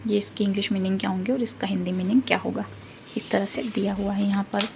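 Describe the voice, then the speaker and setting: A woman's voice: mid-range voice, steady tone, fast, vocal fry, noisy background. A woman giving a casual book review, reading out word lists and checking in with listeners, mixing English words into her Hindi explanations. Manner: reads out word lists and checks in with "theek hai" and "hai na".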